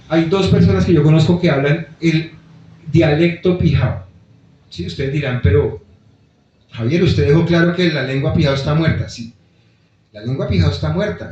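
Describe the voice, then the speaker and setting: An author presents his book at a bookstore event room, explaining things directly to the audience in a public talk. He has a fairly high pitch and a dark tone, and the very echoey recording sounds dull and lo-fi.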